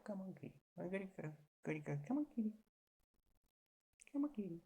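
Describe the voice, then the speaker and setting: Perched on a swivel chair next to her sofa, a vlogger in her forties rambles on in a mellow, mid-range, sing-song voice that runs a little fast. She meanders, chats to herself, and slips into baby talk to coo at her cat.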